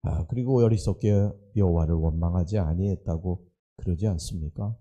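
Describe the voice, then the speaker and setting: A man's voice: deep voice, normal speed, dark tone, highs cut off. A man pastor giving an early-morning sermon, pressing his listeners with rhetorical questions and earnest exhortation. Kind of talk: dawn sermon.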